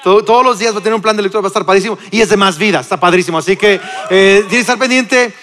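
A man in his forties with a Mexican accent, preaching a sermon in a lively, conversational way with frequent restarts. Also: high-pitched, racing, in a large hall. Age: 40s. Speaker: pastor. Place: church.

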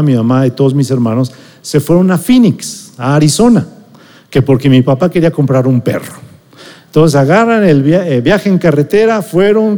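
A man's voice: a little high, dark tone, in a large hall. A middle-aged man with a Mexican accent, preaching a sermon as a conversational personal story and checking in with his listeners. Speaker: pastor or preacher.

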